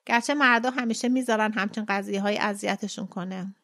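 A woman voicing a quiet, weary man in a story read aloud, speaking in a subdued, hesitant way. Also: mid-range voice, natural voice.

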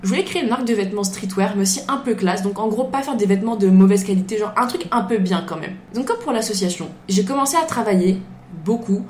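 A woman's voice: medium pitch, fast, darkish tone. Chatty young woman podcast host, echoey room. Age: young adult. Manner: chatty, informal, storytelling. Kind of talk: casual podcast monologue and interview. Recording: echoey room, faint noise.

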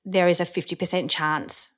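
A woman's voice: on the low side, steady tone, normal speed. A woman, candidly telling a personal story with casual swearing and fillers.

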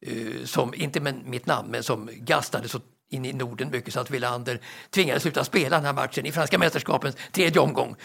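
A man's voice: medium pitch, gravelly. An older man, a sports commentator on a panel, telling anecdotes with lots of stammered repetitions. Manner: stammering repetitions, excitable storytelling.

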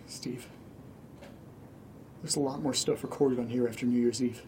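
A man's voice: medium pitch, steady tone, moderate pace, warm tone, natural voice. An actor playing Nate, a rattled, anxious man caught up in a horror audio drama. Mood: wary, confused. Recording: clearly noisy background ambience.

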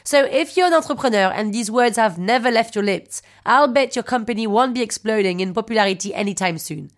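A woman's voice: a little high, a little fast. Playful French woman podcaster. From France. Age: 30s. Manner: chatty, self-mocking, playful. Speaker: podcast host. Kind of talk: scripted podcast narration.

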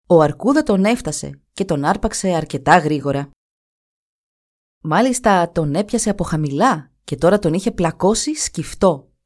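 A woman storyteller reading a folk tale aloud in an expressive storybook style. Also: fairly low pitch.

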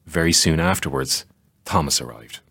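Man, very deep voice, measured documentary narration. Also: expressive, gravelly, a bit bright, husky. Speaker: podcast reporter.

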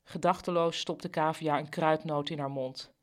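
A woman's voice: deep voice, fairly even intonation, normal speed. A woman narrating a serialized comic story in a dry, matter-of-fact way.

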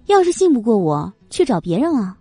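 A woman voicing a calm, mocking young female doctor in an audiobook. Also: a little high, fairly quick, husky, dry recording, soft background music, heavily acted. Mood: teasing. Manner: light, teasing, cool.

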